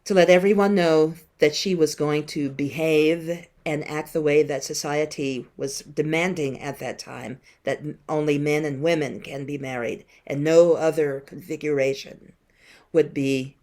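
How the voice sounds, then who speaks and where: Her voice is deep and steady, and her pace runs a little slow. She's a musician in her late fifties visiting a class by video call, where she tells stories and asks the students questions in a conversational manner.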